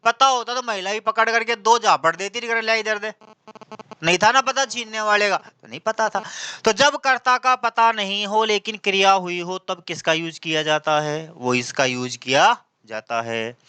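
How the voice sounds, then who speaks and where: A man's voice: high voice, moderate pace, sharp tone, clean tone, dry recording. A male teacher giving an exam-prep grammar lesson, asking questions and answering them himself, with lots of repetition.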